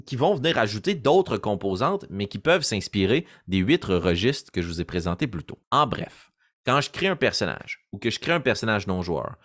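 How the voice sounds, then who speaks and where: A man's voice: on the low side, moderate pace, dry recording, clean studio sound. A man, a game master giving a casual tutorial on creating character voices and demonstrating as he goes. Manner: animated, demonstrates voices as he explains. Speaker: game master teaching voice acting.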